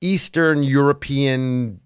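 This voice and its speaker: A man's voice: mid-range voice, steady tone, takes it slowly, clear, resonant tone. A man from New York hosting a casual talk show, making political commentary laced with sarcastic asides.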